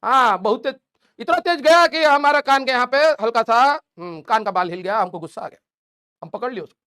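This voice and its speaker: A man voicing a boastful young man who brags loudly to his friends. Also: very high voice, a little fast, clean tone, exaggerated voice. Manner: brash, bragging, animated.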